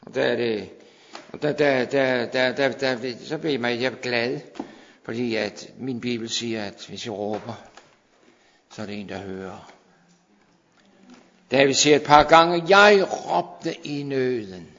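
A man preaching a fervent sermon to his congregation, sometimes dropping to hushed intensity. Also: medium pitch, long pauses. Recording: dull sound in a long-reverb hall.

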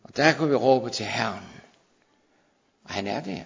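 A man preaching a fervent sermon to his congregation, sometimes dropping to hushed intensity. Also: mid-range voice, expressive, vocal fry. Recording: dull sound in a long-reverb hall.

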